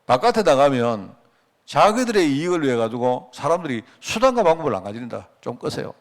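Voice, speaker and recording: A man's voice: mid-range voice, big pitch swings, a little fast. A middle-aged male pastor giving a conversational sermon at a prayer meeting, asking the congregation rhetorical questions and telling anecdotes. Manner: acts out quoted dialogue.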